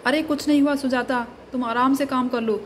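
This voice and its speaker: Scolding, caring uncle doll, voiced by a woman, high voice, light background hiss. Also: steady tone, brisk, close to an everyday voice. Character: fussing uncle doll, adult man. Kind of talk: doll play storytelling.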